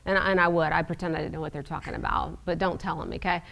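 A woman's voice: lowish voice, steady tone, quick pace, gravelly, a bit bright. Woman preaching a wry, chatty sermon. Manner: conversational, wry teaching with asides.

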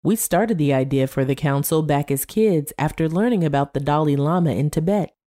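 A woman's voice: low voice, moderate pace, dark tone, lightly acted. Brief: flamboyant old fellow, sing-song delivery, as a woman narrator puts him on. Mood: reminiscing. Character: older man, flamboyant, sing-song storyteller.

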